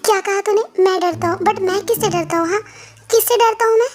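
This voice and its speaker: A woman's voice: very high voice, brisk. A woman voicing a hot-tempered older brother who scolds, mocks and threatens his younger sibling, in a fan-dub drama. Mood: threatening.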